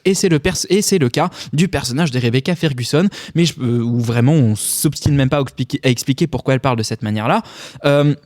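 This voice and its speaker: A man's voice: fairly high pitch, a little mellow, no echo, clean studio sound. A man delivering a scripted film critique segment in an impassioned manner, swearing now and then for emphasis.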